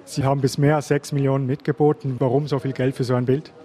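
A man's voice: medium pitch, little pitch movement, fast, mellow. A man asking interview questions.

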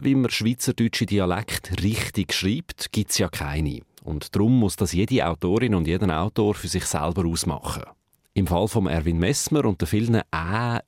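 A male radio presenter, narrating a feature in smooth scripted sentences. His voice sits very low. The recording is dry and close to the mic. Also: dry recording.

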